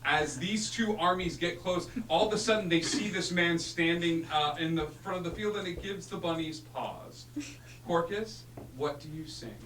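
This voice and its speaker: A man working as game master, narrating a tabletop fantasy game theatrically with dramatic pauses. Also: on the high side, fairly bright tone. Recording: echoey room, distant mic, humming noise.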